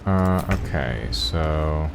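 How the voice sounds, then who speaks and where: A man's voice: a bass voice, expressive, very slow, gravelly, background noise. A man chatting casually as a co-op player on a game stream. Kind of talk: casual gameplay chat.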